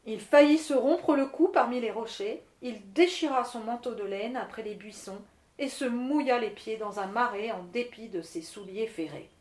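A woman narrating a fairy tale in steady, expressive storybook reading. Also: on the high side, moderate pace, roomy sound.

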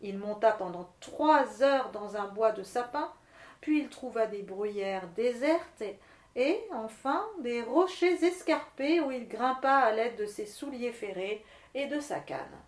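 A woman reads a fairy tale aloud in a steady, expressive storytelling voice. Her voice sits a little high, and the room lends it a noticeable echo. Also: measured pace. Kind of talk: storybook narration.

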